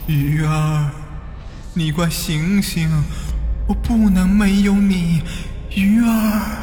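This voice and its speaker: A woman voicing a devoted young man who calls out slowly and pleadingly from far away. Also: fairly low pitch, fairly even intonation, dark tone. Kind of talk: audio drama narration. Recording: distant echoey long reverb.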